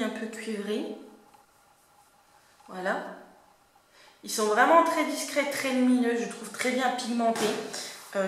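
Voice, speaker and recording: A woman's voice: on the high side, slight background noise. Chatty woman in a very echoey room. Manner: chatty and hesitant, many fillers. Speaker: beauty vlogger. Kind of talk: casual makeup review.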